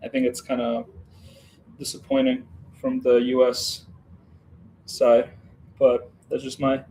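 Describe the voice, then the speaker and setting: A man's voice: medium pitch, completely flat delivery, takes it slowly, a little mellow, slight background noise, low-quality recording. A man from Western Ukraine hosting a casual building livestream, chatting and rambling with viewers as he works. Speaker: livestream host building a model set.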